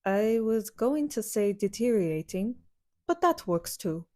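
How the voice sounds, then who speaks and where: A woman's voice: mid-range voice, expressive, unhurried, darkish tone, close to an everyday voice. A woman playing a stern, fiery young woman warrior who speaks in blunt, clipped lines. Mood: dry.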